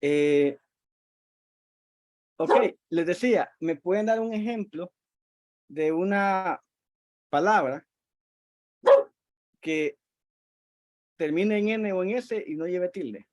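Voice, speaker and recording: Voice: medium pitch, slow pace, long pauses, darkish tone, no room sound, studio quality. Patient teacher explaining with many fillers. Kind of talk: online class explanation. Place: at home.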